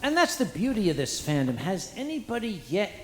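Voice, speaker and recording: A man's voice: sits high, sing-song, fairly quick. A man hosting a live convention panel, with a grand, theatrical showman's delivery. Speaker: panel host. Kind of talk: live convention stage banter. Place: convention hall stage. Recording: reverberant hall with music behind.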